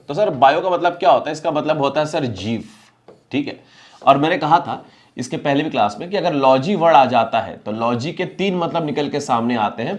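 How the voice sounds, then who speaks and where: Indian guy teaching vocab, asks then answers himself, says each word slow. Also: mid-range voice. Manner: asks and answers his own questions, repeating each word slowly. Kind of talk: classroom-style lesson.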